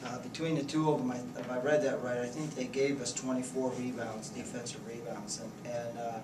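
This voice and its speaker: Plainspoken coach in an echoey room. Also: male voice, medium pitch, flat delivery. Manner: plainspoken, halting, restarts often. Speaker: head basketball coach. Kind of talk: postgame press conference answers. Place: press conference room, indoors. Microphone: table mics, heard from a distance. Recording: echoey room, distant mic, noisy.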